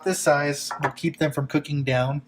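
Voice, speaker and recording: A man's voice: on the high side, steady tone, moderate pace, loud music behind the voice. A man hosting a casual cooking demonstration, giving laid-back, chatty instructions with joking asides. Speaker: cooking show host. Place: kitchen, at the stove and counter.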